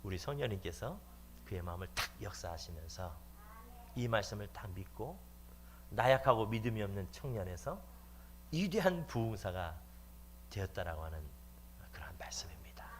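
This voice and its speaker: A man's voice: fairly low pitch, normal speed, pauses often, a little hiss or hum. A male pastor preaching a sermon in a church, telling stories and urging the congregation emphatically. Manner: animated storytelling, emphatic exhortation. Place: church sanctuary.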